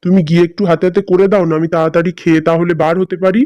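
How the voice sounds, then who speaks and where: A man's voice: high voice, little pitch movement, very fast, dark tone, dry recording, dull audio, close to an everyday voice. A man voicing a selfish, impatient grown son. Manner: impatient and blunt. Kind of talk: cartoon voice acting.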